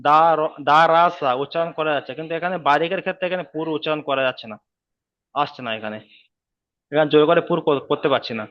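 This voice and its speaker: A man's voice: on the high side, muffled recording. Patient man teaching recitation online. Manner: patient, repeats letters and syllables slowly. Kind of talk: online class tutoring. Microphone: video call.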